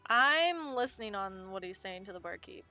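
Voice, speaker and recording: A woman's voice: mid-range voice, lively intonation, moderate pace, bright, forceful tone, soft background music. A woman playing in a tabletop game, talking in a hesitant, giggly way. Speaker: player. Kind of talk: casual tabletop play.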